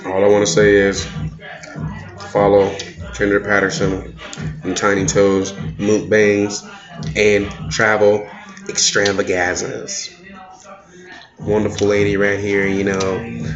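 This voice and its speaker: A man's voice: lowish voice, monotone, measured pace, pauses often. A man talking casually to the camera as a guest. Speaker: guest, host's brother. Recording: dull lo-fi sound, music.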